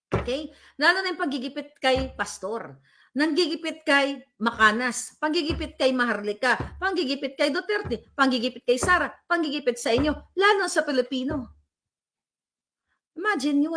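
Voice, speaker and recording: Bright-voiced, fiery woman live-streaming. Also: high voice. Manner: fiery, switches between Tagalog and English, reads viewer comments aloud. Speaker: political vlogger. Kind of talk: live-stream chat with viewers. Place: abroad, at home.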